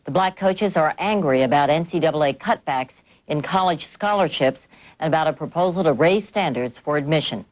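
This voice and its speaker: A woman's voice: sits low, brisk, low-quality recording. A woman reading scripted news items as a broadcast anchor.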